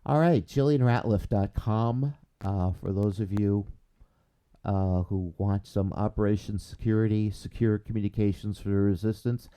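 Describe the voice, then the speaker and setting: A man hosting a casual podcast, talking in a halting way with many restarts, growing more upbeat as he signs off. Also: on the low side, dark tone, clean tone. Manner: halting, many restarts and fillers, rising when signing off. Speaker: podcast host.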